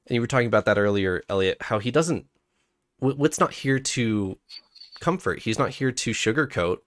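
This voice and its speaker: A man's voice: medium pitch, lively intonation, moderate pace, a bit bright, dry recording, studio quality. A man co-hosting a casual book discussion podcast, talking enthusiastically and often restarting his sentences. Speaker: podcast co-host.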